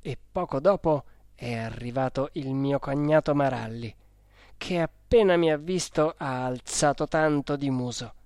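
An audiobook narrator reading a children's novel in a measured, even storytelling manner. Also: medium pitch, no room sound, clean studio sound. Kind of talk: scripted narration.

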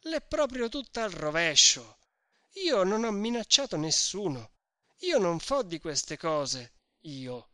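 Man voicing an indignant young peasant, storybook reading, pleading, high raised voice, dry sound. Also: big pitch swings, slow, sharp tone, no room sound, heavily acted.

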